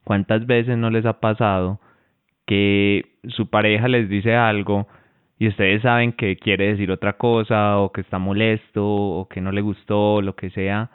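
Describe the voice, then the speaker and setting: A man co-hosting a relationship advice talk, relaxed and often restarting his phrases. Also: lowish voice, a little slow, smooth, dry recording. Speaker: co-host and relationship coach. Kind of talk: casual advice talk to viewers. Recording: tinny phone-like sound, dry.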